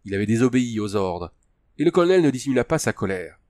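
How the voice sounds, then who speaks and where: A man narrating a novel as an audiobook, reading in an even, unhurried way. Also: medium pitch, no echo, clean studio sound.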